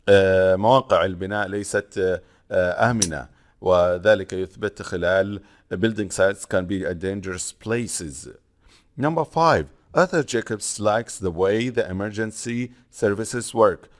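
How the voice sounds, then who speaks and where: A male teacher with a fairly low voice takes students through a textbook exercise one item at a time. He reads each English sentence slowly and carefully, then explains it in Arabic. His delivery stops and starts, with frequent hesitant pauses between phrases. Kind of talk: bilingual lesson, reading English and explaining in Arabic.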